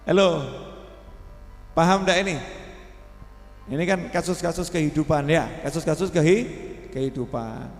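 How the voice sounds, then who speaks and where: A man's voice: on the high side, moderate pace, long pauses, faint music behind. A man preaching a sermon, asking the congregation questions and briefly acting out the people he quotes. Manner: animated, acts out quoted voices, asks the audience questions. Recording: echoey hall.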